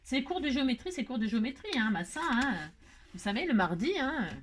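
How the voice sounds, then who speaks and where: A woman's voice: high voice, sing-song, brisk, a little hiss or hum. A woman hosting a crafting tutorial, talking casually step by step, self-mocking and checking in with the viewer often. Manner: chatty, self-mocking, asks "hein?" and "d'accord?" often.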